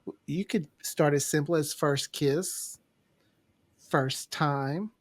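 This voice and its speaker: Slightly high-pitched and slow-paced, a man co-hosts a podcast in a casual, candid way. He's playful and tends to drift off topic during the chat.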